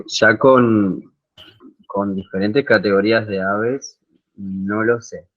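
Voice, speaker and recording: A man answering audience questions as a guest landscape designer, hesitant and searching for words. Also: on the low side. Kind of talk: online Q&A answer. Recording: dull video call audio.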